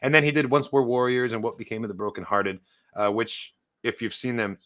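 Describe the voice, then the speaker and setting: A New Zealand man with a Kiwi accent hosts a casual podcast chat, sounding enthusiastic, laughing often and using fillers. His voice sits at medium pitch with a fairly bright tone, and he talks fairly quickly.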